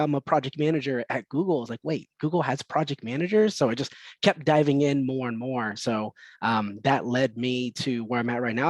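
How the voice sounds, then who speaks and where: A man on a career panel telling his story in a relaxed way, with lots of ums and uhs. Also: medium pitch, no room sound. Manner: relaxed, many fillers, easygoing. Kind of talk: online panel talk.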